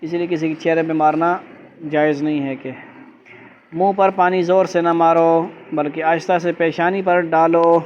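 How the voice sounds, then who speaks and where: Firm male teacher, flat higher voice. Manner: keeps checking understanding with quick questions; firm, instructive, gives step-by-step commands. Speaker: religious studies teacher. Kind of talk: classroom lesson explaining ritual steps. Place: classroom with students. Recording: dull lo-fi classroom recording with faint background hum.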